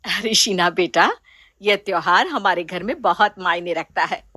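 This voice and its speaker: A woman's voice: lowish voice, unhurried, bright, forceful tone, no room sound. A woman voicing a kind, open-minded middle-aged mother-in-law in a storybook, patient and motherly. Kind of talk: storybook voice acting.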